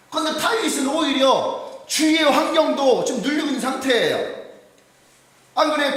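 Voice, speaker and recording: Korean pastor preaching in an echoey hall. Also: male voice, very high voice. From South Korea. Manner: animated, asks the congregation questions. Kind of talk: sermon. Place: church sanctuary. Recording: very echoey hall, distant mic.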